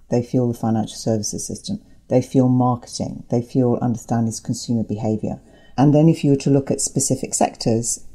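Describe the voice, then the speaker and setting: This woman speaks in a bass voice with a dark tone. Her interview answers, given as an academic guest, are explanatory, articulate and emphatic, with repetition used to develop each point.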